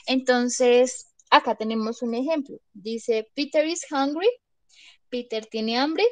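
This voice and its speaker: Teaching English, a woman speaks slowly in a higher voice with no echo around her. She keeps the lesson chatty, piles on examples, and checks in with students by asking "¿listo?".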